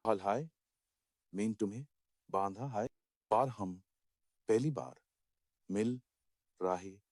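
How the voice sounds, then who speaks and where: A man voicing a gruff but cowardly kidnapper in a dubbed drama, mumbling his lines. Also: lowish voice, takes it slowly, darkish tone, no room sound, clean studio sound.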